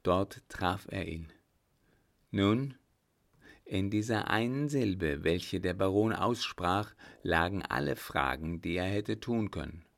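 A man reading a historical novel aloud as an audiobook narrator, in a measured, even manner. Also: low voice. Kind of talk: scripted narration.

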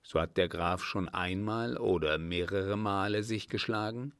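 A man's voice: sits low, measured pace, a bit bright, smooth, no room sound, clean studio sound. A man reading a proud young lieutenant. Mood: earnest. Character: brave young army lieutenant, courteous and proud.

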